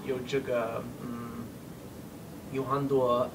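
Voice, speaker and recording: A young man speaks Mandarin as a foreigner, with a non-native accent and a halting, word-hunting delivery. His pitch is average, and he sits back from the microphone in a noisy room. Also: flat delivery. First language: not Mandarin. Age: 20s. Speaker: learner of Chinese. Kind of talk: casual conversation in halting Mandarin. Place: small indoor room, seated on a sofa. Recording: distant mic, noisy room ambience.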